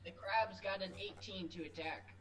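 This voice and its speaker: Medium-pitched woman running a tabletop game. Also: moderate pace, rough recording. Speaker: game master. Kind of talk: casual tabletop game refereeing.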